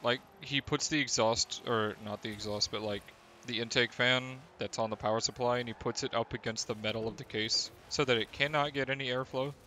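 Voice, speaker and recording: A man trades dry, joking asides with a streamer during a casual chat. His voice is bright and sharp, with a faint hiss of background noise. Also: mid-range voice, fairly even intonation, a little fast, hardly any pauses.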